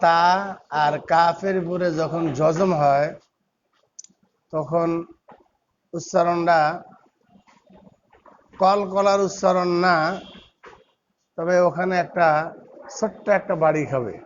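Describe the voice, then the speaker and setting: A high-voiced man leads a pronunciation lesson, speaking slowly and repeating syllables over and over, drawing them out. The recording is dull and lo-fi with a faint hiss behind him. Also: fairly even intonation. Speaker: Quran recitation teacher.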